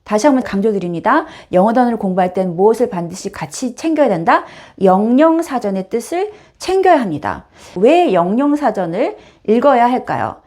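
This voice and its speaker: A woman's voice: a little high, very animated, a little fast, few pauses, warm tone. A woman teaching an online English lesson. She talks straight to her viewers with an emphatic, teacherly manner.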